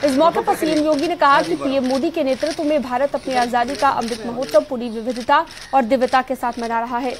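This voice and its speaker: A young woman anchoring a TV news bulletin in a studio, reading briskly and formally. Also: high-pitched, steady tone, a crowd in the background. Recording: broadcast bed music underneath.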